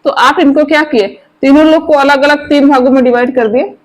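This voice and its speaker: A woman with a high, light voice giving an online chemistry lesson. She talks informally and keeps firing quick questions at her students, coaxing them to answer straight away. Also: steady tone, rough recording. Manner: chatty, asks the viewers quick questions. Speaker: chemistry teacher.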